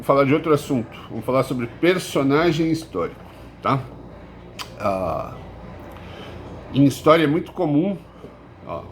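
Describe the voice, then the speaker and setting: A male history teacher from Brazil gives an informal lecture, full of fillers and self-corrections. His pitch swings widely, climbing high when he stresses a point. A faint hiss of noise sits underneath the voice. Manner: casual and rambling, many fillers and restarts, rising emphatic peaks. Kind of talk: informal recorded lesson.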